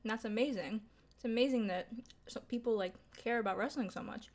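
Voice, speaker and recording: A woman's voice: on the high side, brisk. A young woman vlogging in a casual mukbang style, chatting informally to viewers over food with lots of filler words and mild swearing. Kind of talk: casual mukbang chat to viewers while eating.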